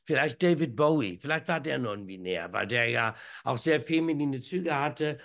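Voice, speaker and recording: A man's voice: mid-range voice, animated, moderate pace, gravelly, fairly bright tone. A man in his fifties co-hosting a casual comedic chat over a video call from home, rambling and joking with many restarts. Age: 50s. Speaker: co-host. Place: room at home, indoors. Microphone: video call webcam.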